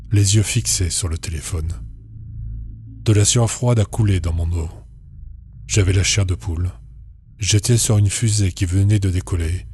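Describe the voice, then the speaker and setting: Deep, dark-voiced male horror narrator. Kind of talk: scripted horror story narration.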